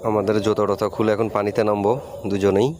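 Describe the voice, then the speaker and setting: A man talks casually and directly to his viewers, his voice sitting fairly low. He is outdoors at a wetland, recorded on a phone, with faint insect noise behind him. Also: flat delivery, fast talker. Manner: chatty, addresses viewers directly. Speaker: fishing vlogger. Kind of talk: casual vlog chat to viewers.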